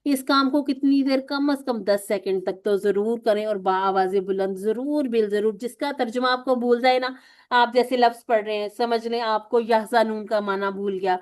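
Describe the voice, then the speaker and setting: A woman's voice: on the high side, fairly even intonation. A woman teaching a recorded course lesson, patiently explaining and asking and answering her own questions.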